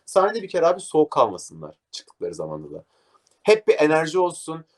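A young man, a DJ, talking casually in an interview and acting out a story with lively energy. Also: a little high, fairly quick. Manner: animated, acts out scenes, says "abi" a lot. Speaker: DJ guest.

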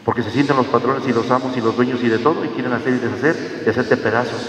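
A man's voice: medium pitch, fast, a bit bright. A man preaches earnestly, his voice carrying from a distance through a church hall with a long, ringing echo. A faint noise sits under the recording. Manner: earnest, addresses listeners as children, acts out dialogues. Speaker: parish preacher. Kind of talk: Lenten talk to the congregation. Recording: echoey hall, voice from far off.

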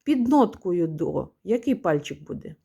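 A woman's voice: lowish voice, very animated, creaky, dark tone, husky. Patient woman teaching a music lesson. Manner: patient, prompting the pupil, claps and chants rhythms slowly.

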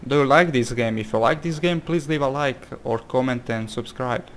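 There's slight background noise as a Croatian-accented man from Croatia narrates a game at a moderate pace in a mid-range voice. He's a casual let's-play commentator, hesitant and exclamatory, reading the game's text out loud.

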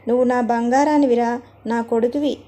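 A woman's voice: on the high side, fairly even intonation, a little fast, mellow, close to an everyday voice. A tender young mother, read by a woman. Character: young mother tender and protective of her son.

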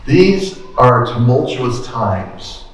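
A middle-aged man, a pastor, preaching an earnest, measured sermon in a small church, holding a handheld mic. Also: mid-range voice, sing-song. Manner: earnest, measured teaching with occasional restarts. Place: small church sanctuary, indoors. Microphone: handheld mic, filmed from the back of the room. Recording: echoey church from far off.

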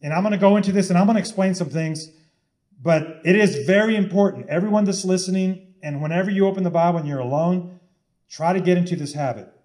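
A man's voice: sits high, fast talker, darkish tone. A man delivering an impassioned, sermon-style talk, urging listeners with urgent repetition. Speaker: online preacher.

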